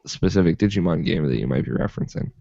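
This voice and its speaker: A man's voice: deep voice, expressive, quick pace, creaky, mellow, dry recording. A young man co-hosting a podcast in casual chat, joking and stammering through restarts. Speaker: podcast co-host. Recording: dull lo-fi podcast audio.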